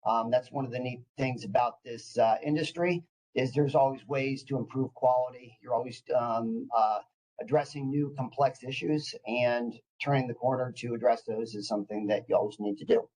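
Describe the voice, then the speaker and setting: A man's voice: medium pitch, moderate pace, darkish tone, poor audio. Man, mid-range voice, informal work presentation, eager and caffeinated, hesitant restarts. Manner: enthusiastic, psyched. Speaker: clinical department director presenting.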